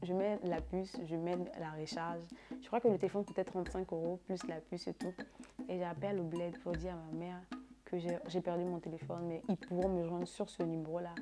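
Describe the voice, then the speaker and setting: A woman's voice: lowish voice, fairly quick. A young woman tells a casual storytime, repeating words and filling gaps with "là" and "genre". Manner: animated, repetitive retelling with fillers like "là" and "genre". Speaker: vlogger. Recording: background music under the voice.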